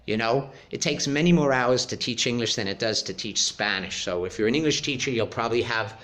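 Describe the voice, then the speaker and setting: Emphatic, opinionated middle-aged male teacher, mid-pitched, casual storytelling vlog. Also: fairly quick, fairly bright tone. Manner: opinionated, emphatic, acts out quoted dialogue. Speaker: English teacher and assessor.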